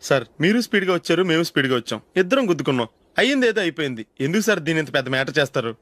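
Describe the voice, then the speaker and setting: An actor playing a crafty male driver who pleads and smooth-talks after a crash in a film comedy. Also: a little high, big pitch swings, racing, fairly bright tone, dry recording. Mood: pleading. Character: wily male driver placating then tricking.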